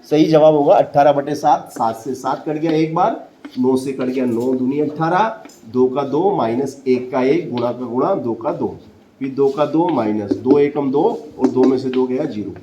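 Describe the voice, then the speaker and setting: A man's voice: medium pitch, a little slow, background noise. A man teaching a maths lesson to a classroom of students, repeating each step and quizzing them with questions. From central India.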